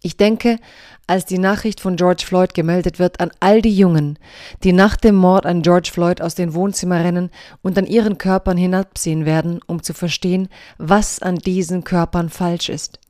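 A woman reading her own diary essay aloud for a podcast, in a measured, earnest manner with deliberate pauses. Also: lowish voice, fairly even intonation, darkish tone, no room sound, clean studio sound.

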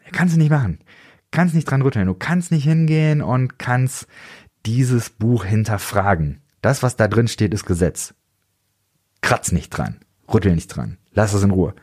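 A man hosting a reflective solo theology podcast, lively and often mimicking strict voices to make a point. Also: on the low side, slightly rough. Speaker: podcast host.

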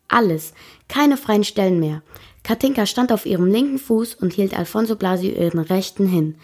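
Woman with a husky reading voice. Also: mid-range voice, a little mellow. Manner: plain, careful read-aloud voice. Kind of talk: reading a book passage aloud.

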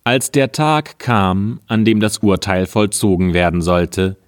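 Speaking as a storyteller, a man unhurriedly reads an old fairy tale in a calm, measured way, his voice pitched a little low. There's no room echo; the sound is close and dry.

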